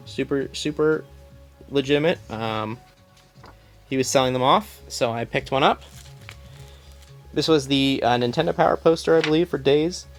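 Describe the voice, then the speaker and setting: Young man, casual collection tour, halting and rambling, phone-recorded, faint music behind. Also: mid-range voice. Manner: rambling, many ums and restarts. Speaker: collector giving a room tour. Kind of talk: casual filmed walkthrough. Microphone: phone camera.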